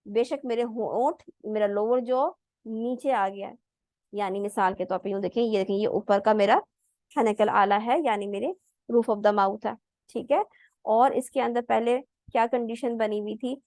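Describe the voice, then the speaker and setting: A woman's voice: on the high side, darkish tone, no echo. Patient woman teaching recitation, dry close voice. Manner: patient step-by-step explaining, demonstrates sounds. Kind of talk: online class lesson.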